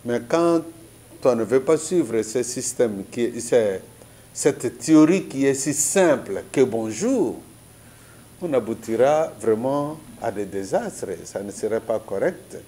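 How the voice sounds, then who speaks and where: Slow, earnest Congolese man. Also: medium pitch, animated, warm tone. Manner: earnest, preacherly, uses parables and biblical examples. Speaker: interviewee. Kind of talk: political commentary interview.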